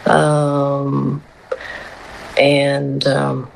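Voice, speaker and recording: A woman's voice: rumbling low, monotone, very slow, vocal fry, a little hiss or hum, low-quality recording. A woman being interviewed as an activist, answering hesitantly with many fillers. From United States.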